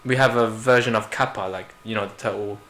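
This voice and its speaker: A man's voice: fairly low pitch, fairly even intonation, brisk, fairly bright tone. A man with a London accent, chatting casually and rambling on a podcast, slangy and full of fillers. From Philippines. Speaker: podcast co-host. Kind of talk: casual chat.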